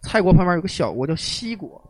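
A man hosting a podcast, telling history as lively, joking, colloquial stories. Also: high-pitched, fast. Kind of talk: casual storytelling chat.

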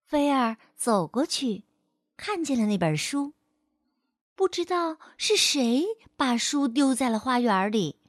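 A woman reads a children's picture book aloud in a gentle, coaxing voice. Her voice sits a little high and she takes her time over every phrase. The sound is close and dry. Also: very animated, takes it slowly, no echo. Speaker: children's storyteller. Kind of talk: storybook narration for children.

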